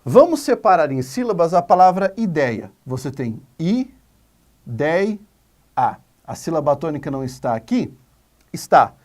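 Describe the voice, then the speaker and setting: A male Portuguese teacher speaks in an emphatic video lesson voice with animated pitch. He is lively and emphatic, spelling words out slowly.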